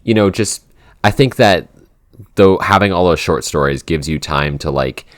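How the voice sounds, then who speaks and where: One of a podcast's creators, a man with a low voice speaking at normal speed, chats informally about what goes on behind the scenes. He thinks aloud, giving loosely phrased, unscripted answers.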